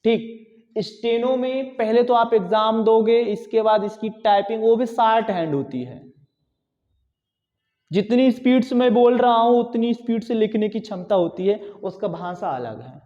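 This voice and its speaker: High-voiced man lecturing in an echoing classroom. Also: lively intonation, unhurried, dark tone. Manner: exhorting, repetitive, conversational. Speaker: teacher. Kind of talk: classroom lecture on exam preparation. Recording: dull lo-fi sound with long reverb.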